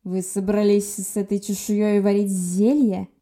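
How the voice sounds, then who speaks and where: A woman voicing a proud young male dragon in human form who speaks slowly and growls with restrained anger. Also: mid-range voice, steady tone, warm tone, close to an everyday voice. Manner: slow, measured, growling.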